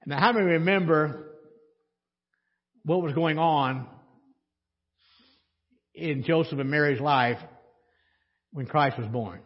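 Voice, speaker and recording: Husky-voiced man preaching in a church. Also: a little high, slow, long pauses. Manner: conversational, asks the congregation questions, dry sarcasm. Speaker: pastor. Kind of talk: sermon. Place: church sanctuary. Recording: dull audio with long church reverb.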